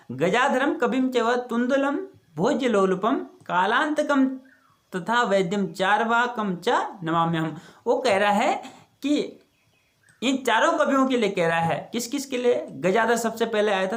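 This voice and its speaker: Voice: medium pitch, lively intonation, a little slow. A teacher explaining a school textbook lesson. The teacher reads each line aloud, then explains it step by step, asking questions and answering them. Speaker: Sanskrit teacher.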